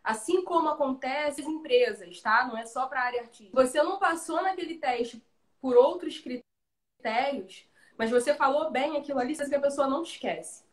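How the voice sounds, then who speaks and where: A woman's voice: high voice, moderate pace. A Brazilian woman, a guest actress, telling stories animatedly in a casual live chat over a video call. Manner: animated storytelling, slangy. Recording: roomy echo.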